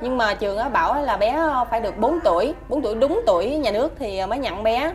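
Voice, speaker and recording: A woman's voice: on the high side, lively intonation, fast talker, over music. A woman with a Southern Vietnamese accent answering interview questions about her child, hesitant and polite, with many fillers.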